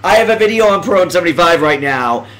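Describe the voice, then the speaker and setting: A man with a high, light voice hosts a casual live stream, talking to viewers. He rambles and restarts his sentences, jumping from excitement to emotional reflection. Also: fast talker, rough recording. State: emotional, close to tears.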